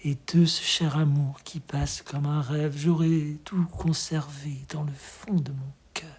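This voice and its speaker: Speaking softly and breathily at medium pitch, this reader delivers a poem tenderly and expressively, keeping a measured pace.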